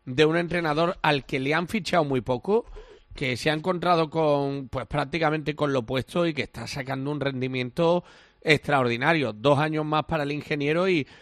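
Brief: slightly high male reporter, fluent and informative, dry close mic. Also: moderate pace, fairly bright tone, no echo. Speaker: sports reporter. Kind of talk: radio sports report.

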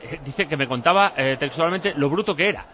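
A man reads listeners' messages on a sports radio show in a high, bright voice. He adds dry little remarks between the messages. A faint noise runs underneath. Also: fairly quick.

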